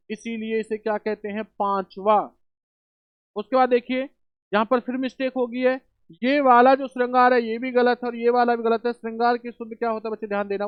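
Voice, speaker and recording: Prepping students for an exam, a man with an extremely high-pitched voice teaches spelling, addressing them as children and brothers. He poses rhetorical questions and answers them himself, and the home recording is dull and dry.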